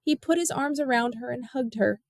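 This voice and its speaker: Woman narrating an audiobook, high and dry. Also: gravelly, no room sound. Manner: measured, expressive storytelling. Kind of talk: scripted narration.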